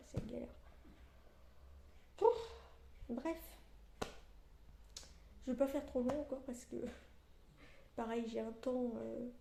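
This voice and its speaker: A woman's voice: fairly high pitch, gravelly, dark tone. A woman with a lisp on her s sounds, chatting casually to viewers in a rambling, colloquial vlog style. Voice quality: lisp on s sounds from orthodontic elastics. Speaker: vlogger. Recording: roomy echo, faint background noise.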